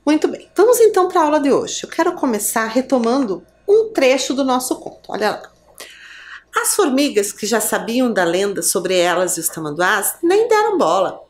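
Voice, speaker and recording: A woman teacher with a Brazilian Portuguese accent giving a televised lesson to children, animated and sing-song. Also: fairly high pitch, normal speed. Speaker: primary school teacher. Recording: roomy echo.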